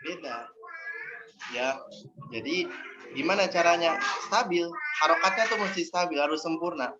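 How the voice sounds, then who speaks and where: A man's voice: a little high, moderate pace. A man teaching Quran recitation in an online class, patiently explaining and drilling syllables aloud. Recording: dull audio with faint noise.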